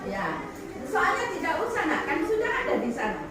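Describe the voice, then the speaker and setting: Woman teacher, really high voice, encouraging the kids, far-off mic in a super echoey noisy classroom. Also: wildly swooping pitch, a little fast. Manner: encouraging, calls on pupils by name, leads applause. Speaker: primary school teacher. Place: classroom full of children.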